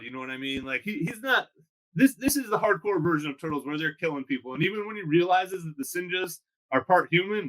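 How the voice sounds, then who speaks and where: A man's voice: a little high, a bit bright, poor audio. A man co-hosting a podcast in casual chat, leaning on fillers like "you know what I mean.".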